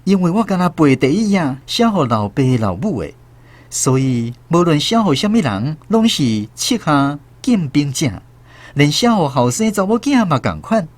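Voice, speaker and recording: A Taiwanese-accented actor narrates a first-person radio drama, looking back as an adult on a village childhood in a reflective tone. The mid-range voice is sing-song at a moderate pace, with music under it and no room sound.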